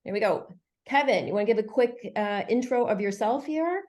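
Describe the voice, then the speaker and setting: A woman's voice: fairly high pitch, lively intonation, moderate pace, a little mellow. A woman hosting an online webinar in a chatty, friendly way, with many fillers. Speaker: webinar host.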